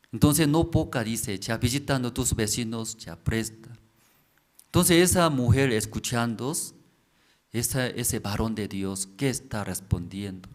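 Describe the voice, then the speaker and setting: Male pastor, unhurried sermon delivery, keeps asking the congregation questions and repeating words for emphasis. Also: mid-range voice. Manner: repetitive, asks the congregation questions. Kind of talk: slow sermon explaining scripture.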